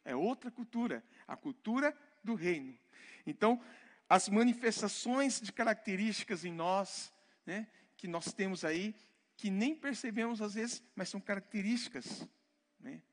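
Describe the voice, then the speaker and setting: A man's voice: high voice, animated, unhurried. A man from Brazil with a Brazilian Portuguese accent, preaching a conversational sermon and often checking in with his congregation. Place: church hall. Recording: long church-hall reverb.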